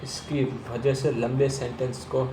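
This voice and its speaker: A man gives a slow, deliberate lesson on stammering, often repeating the first sounds of words as he stammers. His pace is very unhurried, with long pauses. The room is roomy and echoey, with a faint hum of ambience behind him. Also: mid-range voice, little pitch movement. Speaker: stammering coach. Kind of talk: instructional talk to camera.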